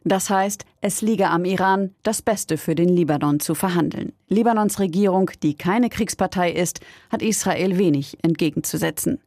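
A woman reading a scripted news report in a steady, formal way. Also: fairly low pitch, moderate pace, hardly any pauses, no echo, clean studio sound. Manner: steady, formal, read-out delivery.

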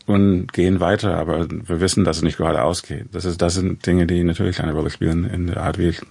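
Deep gravelly man. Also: level tone, darkish tone, no echo. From USA. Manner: thoughtful, halting, with many restarts and fillers. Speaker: composer. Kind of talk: interview conversation.

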